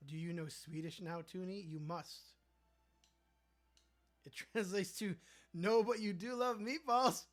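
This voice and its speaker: A young man hosts a casual livestream, reading viewer comments aloud and riffing on them playfully in a chatty way. His voice sits high, and he speaks unhurriedly with long pauses.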